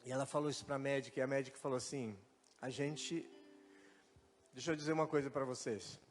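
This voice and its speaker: Speaking a little fast with a medium-pitched voice, a pastor with a Brazilian Portuguese accent tells a personal story during a church sermon, lively and acting out the dialogue. Faint music and church hall reverb can be heard.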